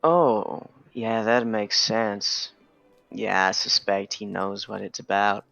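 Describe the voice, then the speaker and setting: A man's voice: lowish voice, fairly even intonation, slow, creaky, sharp tone, no echo, faint music behind. A man playing a tabletop game, chatting casually and joking. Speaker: player. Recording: dull, lo-fi mic.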